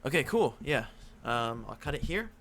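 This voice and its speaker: A man's voice: mid-range voice, big pitch swings, moderate pace, fairly bright tone, slight background noise. A man hosting a casual podcast chat, moderating and asking the others questions. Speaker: podcast host and editor.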